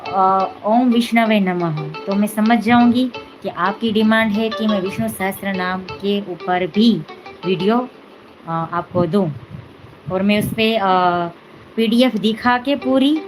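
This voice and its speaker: A woman's voice: mid-range voice, takes it slowly, over music, rough recording. A woman hosting a devotional live stream, talking casually with many fillers and "है ना" asides. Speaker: devotional channel host.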